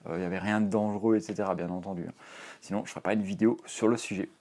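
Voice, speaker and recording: A young man talks straight to camera about fitness in a loose, rambling way. His voice sits fairly low, and he leans hard on fillers and restarts as he goes. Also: fairly even intonation, racing, a little mellow. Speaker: fitness vlogger. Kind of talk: casual advice to camera.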